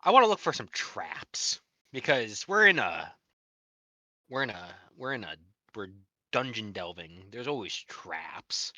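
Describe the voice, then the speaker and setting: A man's voice: fairly low pitch, big pitch swings, measured pace, pushed and bright, no echo. A man chatting casually and jokingly as a player in a tabletop role-playing game.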